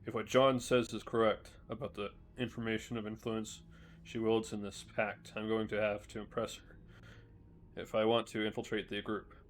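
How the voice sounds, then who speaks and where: A male streamer reading journal entries from a video game aloud in a measured way, with small restarts. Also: lowish voice, level tone.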